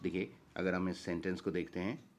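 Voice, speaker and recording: A low-pitched man with an Indian accent and little pitch movement teaches a grammar lesson. He repeats key phrases and reads English examples slowly and deliberately.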